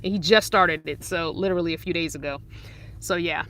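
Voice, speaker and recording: A bright, clear-toned woman in her forties chats away on a casual live stream from inside her parked van. She is upbeat and easygoing and breaks into laughter often as she answers viewers. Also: fairly low pitch, brisk. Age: 40s. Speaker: van-life vlogger reading live chat.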